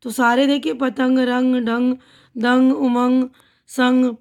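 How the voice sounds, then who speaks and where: A woman teacher giving a patient primary school lesson, explaining slowly and often checking that the children follow. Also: sits high, little pitch movement. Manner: patient, slow explaining, often asks "right?".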